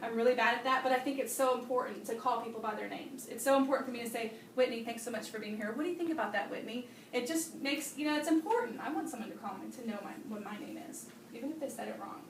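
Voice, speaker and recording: Bubbly fast-talking woman trainer. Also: fairly high pitch, slight background noise. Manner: bubbly, chatty, laughs often. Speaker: Tupperware consultant trainer. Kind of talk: training demonstration to a small group. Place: room with guests at a party demo. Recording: roomy sound from a distant mic.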